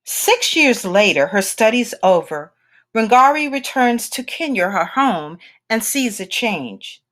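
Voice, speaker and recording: A woman with a fairly high-pitched voice reads a children's picture book aloud. She tells the story deliberately and expressively, leaning on dramatic pauses.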